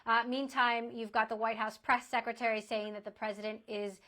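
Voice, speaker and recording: A woman news anchor reading headlines in a brisk, scripted way, then questioning a guest. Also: a little high, level tone, pushed and bright. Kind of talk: broadcast news interview. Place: TV studio.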